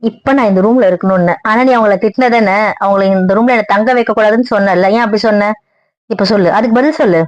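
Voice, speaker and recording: A woman's voice: mid-range voice, fast talker, no room sound, lightly acted. A woman voicing an indignant young wife who argues and scolds, in an amateur audio drama with a dull, dry recording. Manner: scolding, argumentative.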